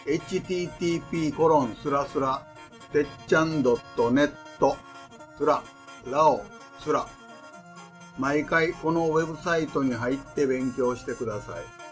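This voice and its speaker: A man opens his language lesson show in a jokey, upbeat way. His voice sits a little high for a man, and faint music plays behind him. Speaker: host. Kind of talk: show introduction. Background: background music.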